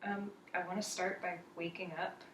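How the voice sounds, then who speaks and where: A woman's voice: fairly low pitch, little pitch movement, moderate pace, a bit bright, roomy sound, a little hiss or hum, low-quality recording. A woman earnestly sharing a thoughtful evening prayer reflection at home. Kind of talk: casual spoken reflection. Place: home at night.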